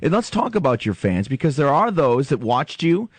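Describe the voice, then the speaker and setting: A man's voice: medium pitch, sing-song, moderate pace, dry recording. An American man hosting a morning radio show, chatting with a guest in an upbeat DJ interview style.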